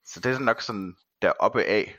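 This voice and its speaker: A man's voice: fairly low pitch, pushed and bright, no echo, muffled recording. A man speaking as a podcast guest in casual conversation, phrasing things with some hesitation and thought. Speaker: podcast guest, film and series reviewer.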